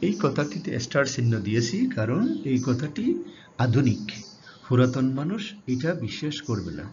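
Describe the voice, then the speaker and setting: Slow man teaching grammar. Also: mid-range voice, darkish tone. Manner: slow, drawn-out English example words; addresses students directly, asking questions. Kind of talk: classroom grammar lesson. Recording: dull lo-fi sound with faint hiss.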